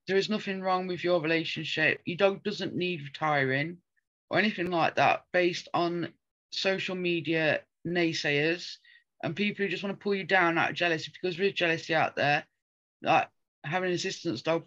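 A woman's voice: fairly low pitch, fairly bright tone, dull audio. A woman co-hosting a casual chat, talking earnestly and rambling with frequent ums. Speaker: podcast co-host.

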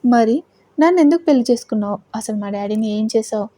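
A woman's voice: fairly high pitch, expressive, fast, warm tone, no echo. A woman voicing a young bride who confronts her husband, pleading and defiant. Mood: defiant, hurt.

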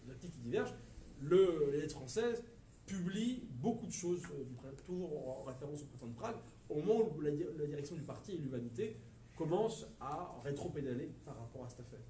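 A man with a French accent giving a history lecture to a live audience, lively and digressive, with hesitations and asides to the listeners. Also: a little high, fairly quick, a little hiss or hum. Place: lecture room at a university research center. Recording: echoey lecture room from far off, faint ambience.

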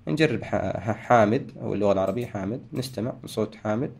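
A man hosting a software tutorial, talking through each step and correcting himself as he goes. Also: lowish voice, quick pace, gravelly. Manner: talks through steps, frequent restarts and self-corrections. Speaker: tutorial host. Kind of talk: screen-recorded software tutorial.

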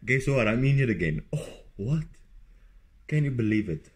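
A man's voice: mid-range voice, animated, moderate pace. A young man chatting casually to his phone camera at home and in the gym, joking, swearing and complaining. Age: young adult. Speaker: fitness vlogger. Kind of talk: casual vlog chat to camera.

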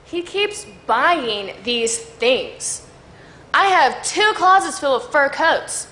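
Woman playing a pampered rich wife, wry, slow and bright, echoey hall. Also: high voice, big pitch swings, a little hiss or hum, full character voice. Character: banana king's pampered, sensitive wife. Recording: echoey auditorium, faint ambience.

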